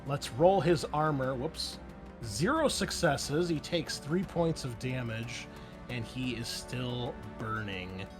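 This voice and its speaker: Acting as game master, a man narrates and referees a tabletop roleplaying game in an improvised, conversational style over background music. He speaks slowly at medium pitch with lively intonation.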